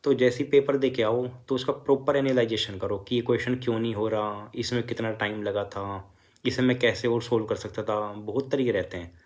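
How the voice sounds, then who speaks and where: A young man speaks in a relaxed, conversational way, often pausing on fillers. He retells his exam journey and gives direct study advice to younger students at an ordinary middle pitch. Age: young adult. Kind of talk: casual motivational talk.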